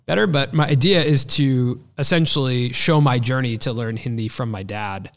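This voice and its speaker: A man's voice: medium pitch, moderate pace. Male podcast host, American accent, mid-range voice, conversational interview style, long room reverb. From United States.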